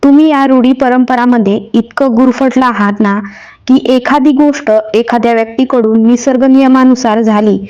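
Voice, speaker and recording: A woman's voice: fairly high pitch, a little mellow, muffled recording, natural voice. A woman voicing a grieving young husband, pleading in grief and then standing firm, in a storybook reading. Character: grieving young husband, man, heartbroken and defiant.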